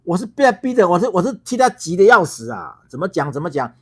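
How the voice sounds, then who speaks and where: A man's voice: high-pitched, very animated, quick pace, fairly bright tone, husky. A middle-aged man from Taiwan, a party founder hosting a heated political livestream, ranting with rhetorical questions, repeated words and swearing.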